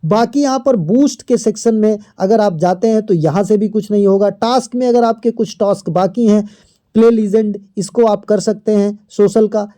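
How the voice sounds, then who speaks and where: Mellow-voiced tutorial host walking through steps. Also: medium pitch, normal speed. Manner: steady step-by-step explaining, keeps pointing things out on screen. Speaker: crypto app tutorial host. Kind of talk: screen-recorded walkthrough.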